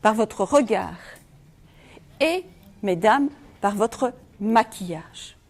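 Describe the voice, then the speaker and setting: At a conference, a middle-aged Belgian speaker explains feng shui very slowly and expressively, quizzing listeners with rhetorical questions. Her pitch is medium, with a Belgian French accent.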